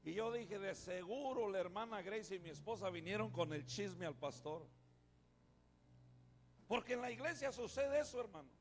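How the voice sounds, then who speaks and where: A male pastor preaching a sermon, calling out to the congregation and swinging from quiet asides to shouting. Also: high-pitched, animated, moderate pace, a little hiss or hum. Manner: calls out to the congregation, often says "hermano".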